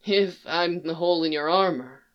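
A reader voicing a fragile young male bard who speaks softly and hushed, with a wobbling voice, in a read-aloud fan story. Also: mid-range voice, normal speed, smooth, muffled recording, natural voice. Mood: tender.

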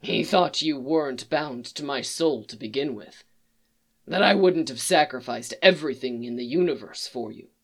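A reader voicing a gruff, weary male monster hunter who speaks low, quiet and clipped in a read-aloud fan story. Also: lively intonation, normal speed, natural voice. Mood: tender.

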